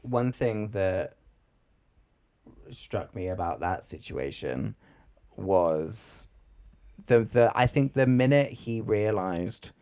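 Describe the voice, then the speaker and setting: Here a young co-host's podcast chat is rambling and easygoing, packed with fillers. His voice sits on the low side, warm and animated, with a slow pace and frequent pauses.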